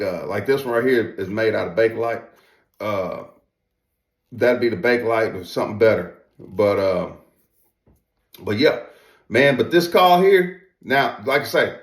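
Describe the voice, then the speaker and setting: A man giving a casual product demonstration in an emphatic, folksy way, often repeating his phrases. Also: medium pitch. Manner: emphatic, repetitive, folksy informal talk. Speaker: presenter reviewing duck calls. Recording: roomy echo.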